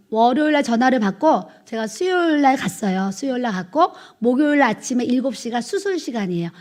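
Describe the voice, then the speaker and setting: A woman's voice: fairly high pitch, a little mellow. Korean woman pastor telling a healing story. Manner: storytelling, repeats phrases, acts out quoted dialogue. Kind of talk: sermon with testimony.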